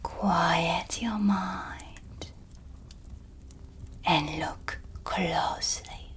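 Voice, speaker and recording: Her pitch sitting fairly low, a woman voices a sardonic dark witch calmly instructing someone in shadow magic. It's a soft-spoken, whispered ASMR piece captured on a close studio mic, delivered slow, hushed and deliberate, with mysterious guidance and a dryly teasing edge of threat.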